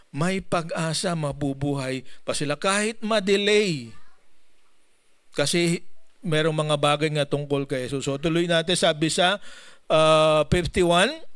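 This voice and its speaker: Filipino pastor with a smooth, clear voice. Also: male voice, fairly high pitch, fairly bright tone. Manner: jokey, asks the congregation questions, mixes English into his talk. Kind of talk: sermon.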